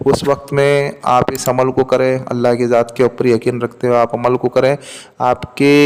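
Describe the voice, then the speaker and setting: A man's voice: medium pitch, a little mellow, clean tone, long reverb tail. A man giving religious instruction on a spiritual remedy, explaining each step and repeating his points. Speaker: religious teacher.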